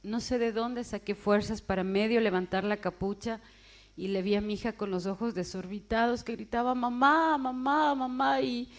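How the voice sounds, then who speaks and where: A woman's voice: medium pitch, fairly even intonation, moderate pace, a little mellow. A woman in her forties giving an emotional personal testimony, acting out the voices of people she quotes. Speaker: testimony speaker.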